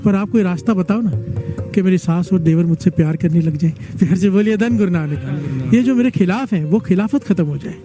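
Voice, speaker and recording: Over background music, a preacher leading a devotional gathering delivers a sermon, telling stories and urging the congregation to chant responses back. His male voice is high-pitched and a little fast.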